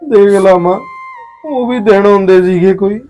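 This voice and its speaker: A guilty grown son, played by a man, begging forgiveness with regret in every line. His voice runs on the high side. Soft music plays faintly under the scene. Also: moderate pace, dull audio, close to an everyday voice. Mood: tearful. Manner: pleading, regretful. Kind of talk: village drama acting.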